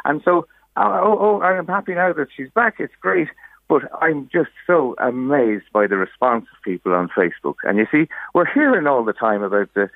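A man's voice: a little high, lively intonation, normal speed, vocal fry, dry recording. An Irish man in his sixties telling a casual anecdote in a chatty, folksy way as a radio guest. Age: 60s. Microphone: phone call. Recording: narrow-band phone line on radio.

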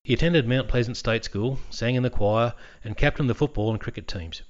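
A man's voice: mid-range voice, fairly quick, highs cut off. A man hosting a history podcast, narrating with dry, wry humor. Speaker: podcast host.

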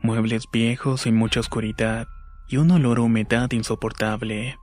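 A man giving a slow, measured scripted narration of a horror story. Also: mid-range voice, steady tone, darkish tone, soft background music.

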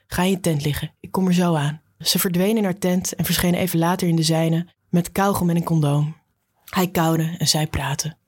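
Husky woman reading an audiobook. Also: deep voice, no room sound, clean studio sound. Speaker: narrator. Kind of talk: audiobook narration.

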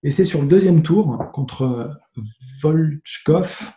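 Man with a dark voice telling a story in a roomy echo. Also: fairly high pitch, slow pace, slight background noise. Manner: animated, swearing, many restarts. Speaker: guest, former tennis player. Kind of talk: casual storytelling. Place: home with noise nearby.

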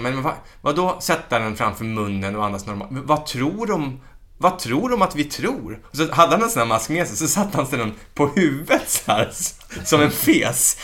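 A man in casual chat who tells comedy anecdotes with lively acted-out bits and frequent swearing. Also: medium pitch. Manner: animated storyteller, swears freely, acts out jokes.

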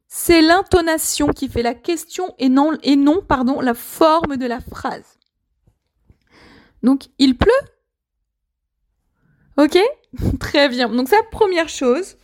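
A woman from France teaching a language lesson, patient and explanatory, often checking in with the learners. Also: high-pitched. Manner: patient, repeats words, checks with "ok?". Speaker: French teacher.

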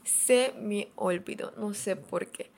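A young woman, chatting on her podcast about her week. She talks in an animated way and repeats little phrases for effect, with a pitch that sits in the middle for a woman. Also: takes it slowly, creaky. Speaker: podcast host. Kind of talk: casual storytelling chat.

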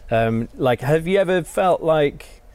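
A man's voice: on the high side, expressive, slow, darkish tone, clean tone, no room sound. A man hosting a podcast interview, asking meandering, tentative questions in a casual chatty way.

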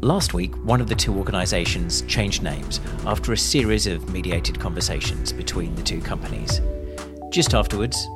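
A man narrating a scripted podcast as its host. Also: low voice.

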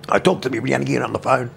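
This New Zealand man in his fifties has a creaky, medium-pitched voice, and the audio carries a faint hiss or hum. He's the brother being interviewed casually, sharing family stories bluntly and swearing constantly.

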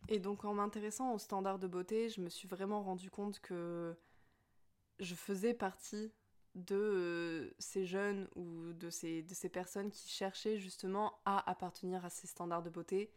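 A woman's voice: mid-range voice, fairly even intonation, a little slow. A young woman of Spanish and Portuguese family speaking in a personal, reflective monologue, hesitant with many fillers and restarts.

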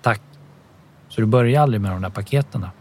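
A man's voice: on the low side, darkish tone, close to an everyday voice. A man reading an audiobook, voicing a hesitant, guarded teenage boy.

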